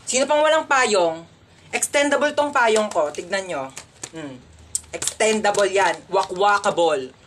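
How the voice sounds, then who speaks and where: A woman's voice: mid-range voice, expressive, unhurried, a little hiss or hum. A woman, talking through comic skits in a playful, sassy, rambling way. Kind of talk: comedic skits.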